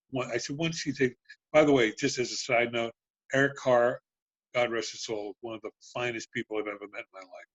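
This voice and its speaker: Older man telling a lively story. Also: lowish voice, no echo. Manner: animated storyteller who swears and acts out quotes in a raised voice. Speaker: talk show guest, former band promotions manager. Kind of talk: casual storytelling chat. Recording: dull lo-fi dry sound.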